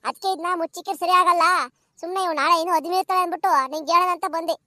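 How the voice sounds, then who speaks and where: A woman voicing a scolding, gossiping village grandmother in a cartoon, talking in a fast, nagging, dramatic way. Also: very high-pitched, steady tone, sharp tone, no echo, clean studio sound. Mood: scandalized.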